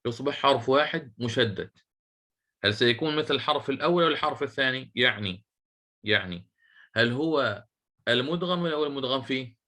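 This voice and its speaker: A man teaching a class on Quranic recitation rules. He puts questions to his students, repeats key phrases slowly and chants short verses in a measured tone. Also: medium pitch, expressive, pushed and bright. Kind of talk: classroom lecture on tajweed.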